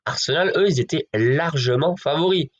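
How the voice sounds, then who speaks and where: A man's voice: fairly high pitch, normal speed, lo-fi sound. Chatty man giving football tips. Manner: chatty, addresses viewers as friends, hedges with fillers. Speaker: football betting tipster. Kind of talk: casual direct-to-camera football predictions.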